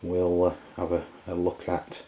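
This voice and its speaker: A very low-voiced man with an English accent, an amateur radio reviewer from England, works through an unscripted hands-on product review demonstration. He sounds flat and plain-spoken, hesitating often and speaking haltingly. The audio is dull and lo-fi, as if taken from a handheld camera's mic.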